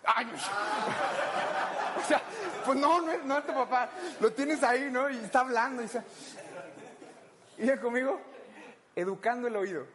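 A woman's voice: high-pitched, moderate pace, long pauses, a crowd in the background. A woman with a Mexican accent preaching a conversational sermon, playful and jokey, acting out little scenes for her listeners. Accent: Mexican Spanish.

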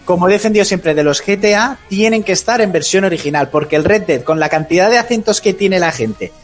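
A man's voice: high voice, animated, fast talker, soft background music. A man with a Spain Spanish accent in casual chat, opinionated and insistent.

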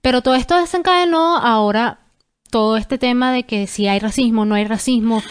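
A young adult woman co-hosting a casual podcast, explaining things in an earnest, steady way. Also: on the high side, a little fast, clean tone. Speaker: podcast co-host.

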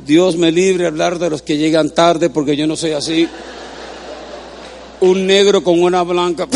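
A man's voice: fairly high pitch, steady tone, a little slow, gravelly, darkish tone, slight background noise. A man preaching a humorous sermon in a church, joking with the congregation and having them repeat words after him.

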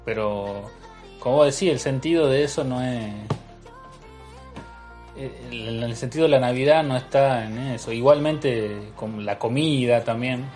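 A man in a casual chat, talking with many pauses and restarts. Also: medium pitch, a little mellow, soft background music. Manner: hesitant, many restarts and fillers.

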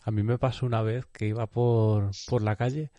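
A man's voice: lowish voice, flat delivery, normal speed, dark tone, no room sound, muffled recording. A man telling a joking street anecdote in slangy casual chat.

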